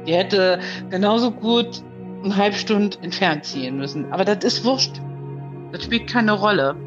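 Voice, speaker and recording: A woman's voice: medium pitch, measured pace, dull audio, over music. A woman in her fifties calling in, telling a personal story in casual chat with many hesitations. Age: 50s. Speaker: caller.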